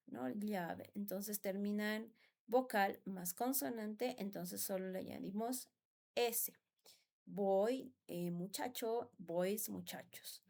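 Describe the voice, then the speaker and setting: With a mid-range, slightly mellow voice and some vocal fry, a Spanish-speaking woman teaches English grammar in a classroom. She is patient, repeats words, and keeps checking for agreement with "¿no?".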